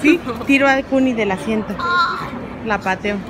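Playful high-voiced woman vlogging on the go. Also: moderate pace, very noisy. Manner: playful, teasing and chatty. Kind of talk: casual travel vlog. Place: cafe, airport and airplane cabin. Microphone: handheld phone camera. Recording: loud music and crowd behind.

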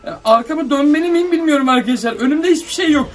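A man's voice: extremely high pitch, fast, far from the mic. A young man making a drone video, telling his viewers nervously about something strange he sees and muttering orders at the drone. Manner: frightened, jittery, talks to viewers, mutters commands to the drone. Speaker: YouTuber. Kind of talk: excited horror-drone vlog. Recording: voice from off the mic, light music behind.

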